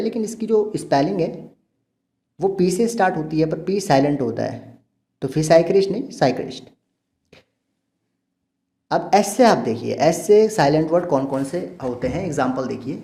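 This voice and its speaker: Mellow-voiced man teaching pronunciation. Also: a little high. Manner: patient, repeats words slowly to model sounds. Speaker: English teacher. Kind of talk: explaining pronunciation to kids.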